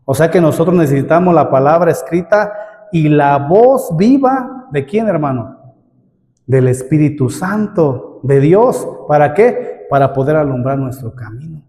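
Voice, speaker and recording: A man's voice: fairly high pitch, animated, unhurried, warm tone. A middle-aged man preaching a sermon, calling listeners "brother" and asking many rhetorical questions. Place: church hall. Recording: long hall reverb.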